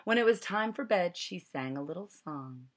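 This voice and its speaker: A woman's voice: lowish voice, animated, moderate pace. A middle-aged woman reading a picture book aloud to children at home, recorded on a webcam. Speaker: storyteller. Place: small furnished room at home. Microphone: webcam at arm's length.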